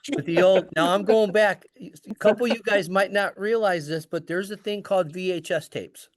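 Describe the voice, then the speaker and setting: A man's voice: high-pitched, moderate pace, no room sound. A middle-aged man casually telling a story, acting out the dialogue as he goes. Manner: animated, acts out dialogue. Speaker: guest storyteller.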